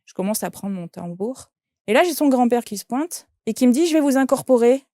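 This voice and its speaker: A woman's voice: on the high side, animated, a little fast, mellow, dry recording, studio quality. A woman, a shaman and medium, telling an anecdote in an interview and quoting the people in it. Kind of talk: interview storytelling.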